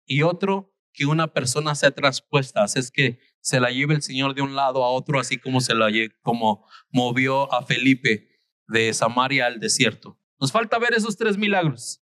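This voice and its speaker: A man's voice: mid-range voice, moderate pace, pushed and bright, dry recording. A man preaching a sermon to his congregation, fervent and emphatic, rising on key phrases. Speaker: pastor.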